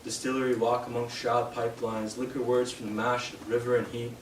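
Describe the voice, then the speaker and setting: A young man from Canada giving a live poetry reading in a bookshop, hesitant with fillers between poems and steady in his verse. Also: mid-range voice, a little fast. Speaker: poet. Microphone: distant from the mic. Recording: roomy, distant, noisy live room sound.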